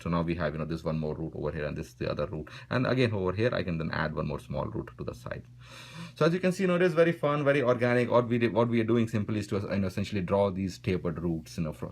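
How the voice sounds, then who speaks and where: A man narrating a pen and ink drawing tutorial in a relaxed way, filling his speech with "you know" as he draws. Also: low-pitched. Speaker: drawing instructor. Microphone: voice-over while drawing.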